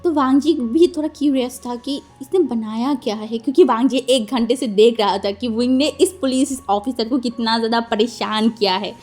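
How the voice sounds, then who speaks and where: A woman's voice: on the high side, moderate pace, hardly any pauses, darkish tone, soft background music. A woman casually retelling a fan story in a chatty way, dropping in English words and giggling now and then. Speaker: fanfiction storyteller.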